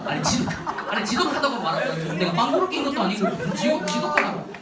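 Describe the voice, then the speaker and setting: A man giving a humorous storytelling sermon to a youth retreat, animated and often addressing the audience, in a large echoey hall from a distance. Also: very high-pitched, fast talker, over a noisy crowd.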